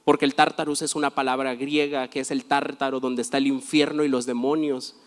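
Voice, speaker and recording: A man pastor preaching a sermon, telling stories with animated quoted voices. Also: medium pitch, a little fast, big-room sound.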